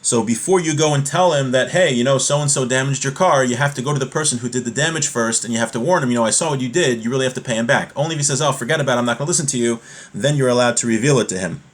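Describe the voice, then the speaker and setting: In a class on religious law, a man with a mid-range voice talks very fast as he reads from a text and explains it. He teaches didactically, restating each point and reworking it with examples.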